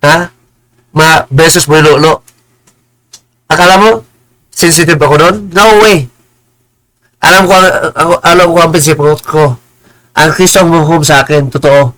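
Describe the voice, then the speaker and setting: A man's voice: on the high side, a bit bright, rough recording. Combative, stammering man ranting on a live stream. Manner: combative, insulting, repeats words and stammers; mixes in slow, preachy English phrases. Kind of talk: heated live-stream rant.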